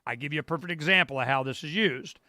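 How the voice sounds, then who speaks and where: A middle-aged man hosting his own show, walking viewers through a website in a loose, rambling way and exclaiming "boom" often. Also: fast, bright, forceful tone, dry recording, studio quality. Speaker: radio show host. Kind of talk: casual live-stream walkthrough. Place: home studio.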